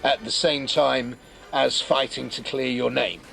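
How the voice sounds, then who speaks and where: A man's voice: mid-range voice, steady tone, unhurried, creaky, a bit bright, faint music behind, poor audio. A man playing a dry, formal, businesslike amusement park owner.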